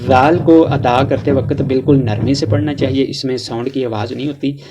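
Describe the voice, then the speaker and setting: A man with a Pakistani Urdu accent teaching a tajweed lesson, explaining letter sounds and drawing out each letter slowly as he drills them. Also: mid-range voice, fairly even intonation, noisy background. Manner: slow, drawn-out recitation of letters between plain explanations. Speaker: Quran reading teacher.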